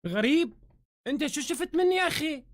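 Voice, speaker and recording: Heated Syrian man ranting, high voice. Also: animated, fast, no echo, studio quality. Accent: Syrian Arabic. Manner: heated, swears oaths, shouts in bursts. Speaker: live streamer. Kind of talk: angry live-stream rant. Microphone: phone camera.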